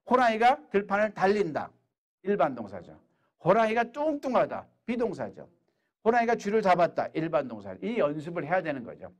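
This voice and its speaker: High, lively man lecturing emphatically. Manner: emphatic, drills questions and answers with the audience. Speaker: English lecturer. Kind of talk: energetic classroom lecture. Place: lecture hall, in front of an audience.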